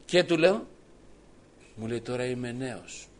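A man's voice: medium pitch, expressive. A man telling a personal story to his congregation as a sermon, quoting the dialogue at length. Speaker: preacher giving testimony. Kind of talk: sermon testimony.

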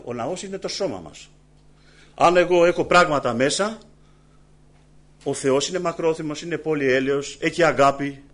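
A man preaching a sermon, building emphatic repeated phrases and dropping low and soft to call the listeners brothers. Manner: preaching with rising, emphatic repetitions and frequent "eh" fillers.

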